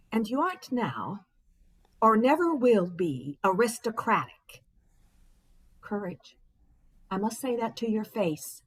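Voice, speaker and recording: Woman doing a bitter wife ranting at her husband, sarcastic and exasperated, voice sits high and swings all over. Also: rough recording. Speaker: stage actor. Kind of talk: theatrical monologue.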